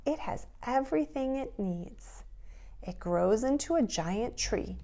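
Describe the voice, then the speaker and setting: Speaking as a preschool teacher, a middle-aged woman addresses young children in a simple read-aloud, instructional style. She's deliberate and expressive, with a fairly high pitch and a warm tone.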